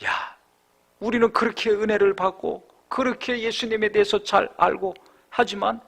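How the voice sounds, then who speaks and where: A male pastor preaching a sermon with rhetorical questions, swinging between raised exhortation and hushed reflection. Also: very high-pitched, creaky.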